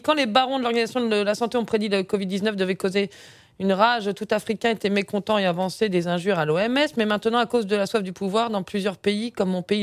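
A woman hosting a call-in radio show, speaking in a measured way with frequent fillers. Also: medium pitch, no echo. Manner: measured, with frequent "euh" and "hein". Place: radio studio. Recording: dry studio sound.

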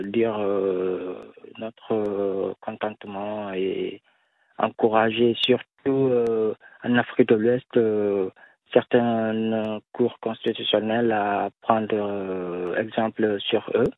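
A man leaving an answering machine message for a radio show, halting, with many hesitations. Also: lowish voice, little pitch movement, no echo. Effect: answering machine message over a phone line. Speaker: caller leaving a voicemail. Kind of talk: recorded voicemail. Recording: tinny dry phone line.

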